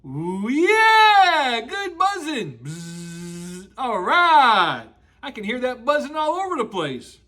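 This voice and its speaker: Animated, high-pitched man telling a rambling grandpa story. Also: takes it slowly. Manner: rambling playful grandpa storyteller, repeating and drawing out words; exclamatory, making sound effects. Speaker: children's storytelling show host. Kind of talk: animated read-aloud children's storytelling with asides to listeners.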